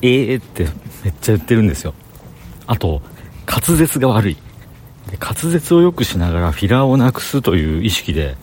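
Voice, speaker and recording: A man's voice: on the low side, darkish tone, a little hiss or hum. Chatty man with a Banshu Kansai lilt. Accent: Kansai, Banshu (Himeji) dialect. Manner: chatty self-talk, thinking aloud. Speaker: vlogger talking to camera. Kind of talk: casual rambling monologue while walking. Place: outdoors on city streets.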